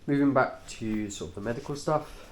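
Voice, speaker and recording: In a casual vlog, a man goes over his cycling gear, his mid-range voice stuffed up and nasal from a cold. His commentary comes in brief, hesitant, throwaway phrases.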